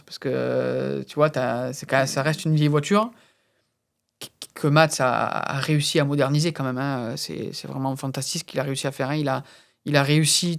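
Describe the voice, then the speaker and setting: A man's voice: on the high side, creaky. A man from France as a guest on an interview, talking casually and hesitantly, with many fillers and repeated words. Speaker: guest racing driver and instructor.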